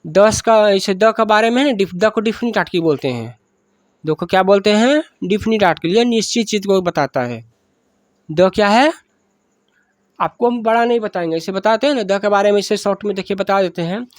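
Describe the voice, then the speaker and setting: A woman with a Bihari accent teaches grammar in a dry, close-sounding recording. She asks her listeners a question, then answers it herself, and keeps going back over each point. Her pitch sits in a middle range. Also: fairly quick, no echo. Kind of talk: classroom grammar lesson.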